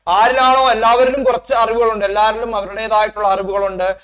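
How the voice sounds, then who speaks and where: A man teaches an exam-prep Hindi lesson in a fairly high voice. He reads the text out slowly and carefully, then turns to his students with a stream of quick check-in questions, calling them "children". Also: level tone, a bit bright. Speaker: Hindi tutor.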